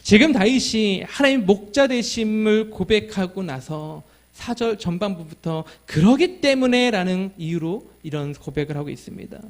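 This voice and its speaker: A man's voice: high voice, expressive, moderate pace, hardly any pauses. A man as pastor, preaching a sermon with earnest rhetorical questions to the congregation and telling a story about his child. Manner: tells a family story and acts out his child's lines.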